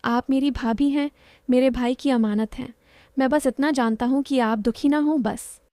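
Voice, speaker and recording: A woman voicing a gentle, earnest young man who speaks affectionately to his sister-in-law. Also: high-pitched, steady tone, normal speed, dry recording, clean studio sound, close to an everyday voice. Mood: tender. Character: tender young man, devoted brother-in-law.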